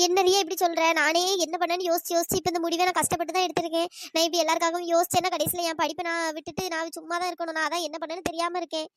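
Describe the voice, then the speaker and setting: A woman's voice: very high voice, flat delivery, racing, hardly any pauses, no room sound. Cartoon role: anxious young bride, hesitant, close dry sound, voiced by a woman. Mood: worried. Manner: hesitant, worried. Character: timid young bride dreaming of studying.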